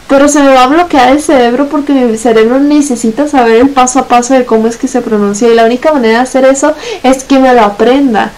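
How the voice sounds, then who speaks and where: A young woman with a Mexican accent chatting casually on a stream, blunt and swearing a lot, talking in long rushed runs. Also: high voice, a little mellow, poor audio. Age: young adult. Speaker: guest on a gameplay stream. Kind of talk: casual chat.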